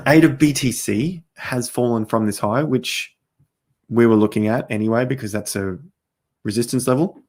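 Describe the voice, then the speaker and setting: A man hosting a casual crypto livestream, talking straight to viewers as he walks through charts, his voice going hoarse with coughs. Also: mid-range voice, normal speed, a little mellow. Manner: chatty, talks straight to viewers while walking through charts. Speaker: crypto market host.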